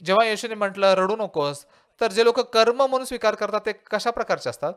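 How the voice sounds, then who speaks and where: A man's voice: sits high, quick pace, a bit bright, clear, resonant tone. A male pastor preaching a sermon and asking his listeners rhetorical questions.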